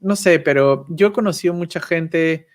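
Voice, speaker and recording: A man's voice: on the high side, normal speed. A man chatting as a guest on a video call, thoughtful and self-deprecating, often ending phrases with a questioning "right?". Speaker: guest YouTuber. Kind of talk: casual chat.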